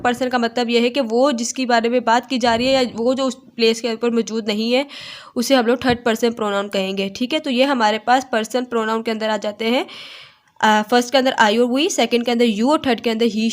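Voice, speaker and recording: A woman gives an online grammar lesson in a slightly high voice. She talks slowly and stops often with "theek hai" to check her students are following. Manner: slow, explaining with frequent "theek hai" checks. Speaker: English teacher.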